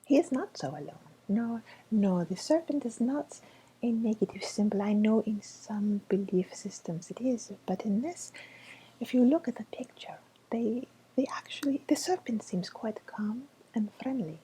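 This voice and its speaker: In an ASMR role-play, a woman plays a softly spoken mystical fortune teller reading tarot cards, using a made-up, indeterminate foreign accent. Her voice is on the high side and slightly rough, whispery, slow and hesitant with pauses, gentle and reassuring in mood. The audio quality is poor.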